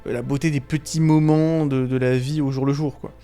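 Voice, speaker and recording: A man giving casual, rambling video commentary on animated films, full of fillers, restarts, slang and chuckles. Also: medium pitch, brisk, clear, resonant tone, faint music behind. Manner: slangy and irreverent. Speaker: YouTube film commentator.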